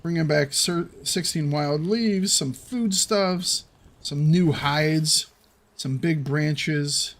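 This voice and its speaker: Gamer host, young man, slightly high voice, unhurried and teasing. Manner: playful, taunts the game's animals. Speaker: gaming video host. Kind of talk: let's play commentary.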